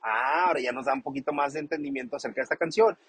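A man calmly explains the meaning of a song's lyrics, often rephrasing and repeating himself as he thinks aloud. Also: mid-range voice, very fast, husky, low-quality recording. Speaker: song commentator. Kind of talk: casual explanatory commentary.

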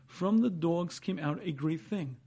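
A man teaches a religious class. His voice is slightly high yet soft-edged and mellow, with a husky rasp and frequent throat clearing. He explains emphatically, using repetition and rhetorical questions. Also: measured pace. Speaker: rabbi giving a Torah lecture.

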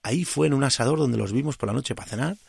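A man's voice: mid-range voice, quick pace, gravelly, darkish tone, breathy edge, dry recording, studio quality. A man from Tarragona, a podcast host, casually recounting a pilgrimage stage with many restarts and self-corrections. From Tarragona, Spain. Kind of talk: casual travel storytelling.

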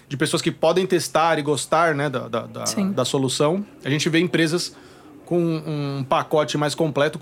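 A man hosting a casual podcast, relaxed and slangy, asking long rambling questions. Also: fairly high pitch. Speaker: podcast host.

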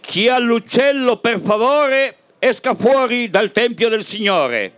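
A woman's voice: fairly high pitch, lively intonation, takes it slowly, voice pushed up. A woman voicing a flustered old male parish priest who scolds his congregation from the pulpit in a recited comic poem. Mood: scolding.

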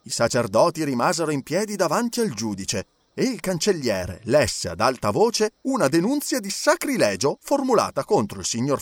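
A male narrator reads an adventure novel with very animated intonation and a slightly raised pitch. The recording is dry and close on the mic, with no room sound. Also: no echo. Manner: expressive reading, lively intonation. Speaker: audiobook narrator. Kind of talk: scripted narration.

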